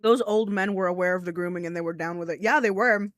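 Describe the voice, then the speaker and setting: A woman's voice: fairly low pitch, fast talker, no echo, clean studio sound. A mildly drunk woman chats casually and crudely as she hosts a livestream, rambling as she goes. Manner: tipsy, rambling, crude-humoured. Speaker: livestream host.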